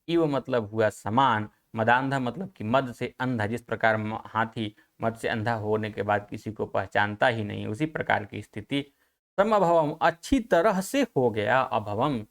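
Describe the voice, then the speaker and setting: A male teacher with a Hindi accent works through Sanskrit verses for exam preparation. His pitch sits in the middle range, and he chants each verse slowly before explaining it in brisk, conversational speech.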